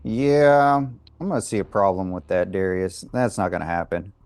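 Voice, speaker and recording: A man's voice: low voice, normal speed, darkish tone, smooth, no echo. A man playing a sceptical, defiant investigator in a tabletop game, plain-spoken and dry.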